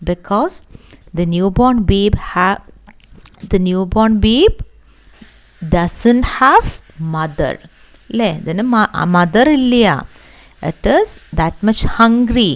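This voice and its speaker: A woman English teacher with a Malayali accent, working through a textbook lesson. She reads the English lines slowly, then explains them in quick Malayalam, asking questions and answering them herself. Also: medium pitch, clean tone.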